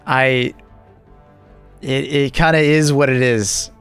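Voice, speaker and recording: A man's voice: mid-range voice, fairly even intonation, slow pace, a bit bright, clear, resonant tone, faint music behind. A man live streaming, chatting casually with his viewers and reacting to their messages with joking, rambling asides.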